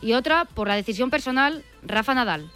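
A woman's voice: on the high side, expressive, fairly quick, a bit bright, soft background music. A woman from reading sports news headlines on the radio.

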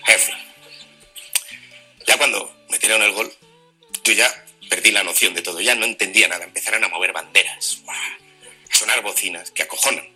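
A man telling a stand-up comedy story, animated, with deadpan asides. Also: lowish voice, normal speed, pauses often, husky, soft background music, low-quality recording.

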